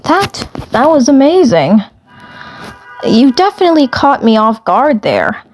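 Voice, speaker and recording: Woman voicing smitten, halting little Commander Peepers. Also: high-pitched, very animated, exaggerated voice, rough recording. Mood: awestruck. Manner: halting, repeats phrases. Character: Commander Peepers, smitten flustered little male one-eyed alien commander. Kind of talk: amateur fandub dialogue.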